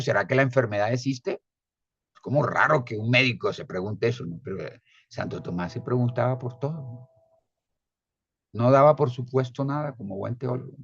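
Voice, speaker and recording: A man's voice: mid-range voice, darkish tone, no echo. A man giving a conversational lecture as a former theology teacher, often ending his points with tag questions. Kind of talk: spoken lecture. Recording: dull lo-fi recording.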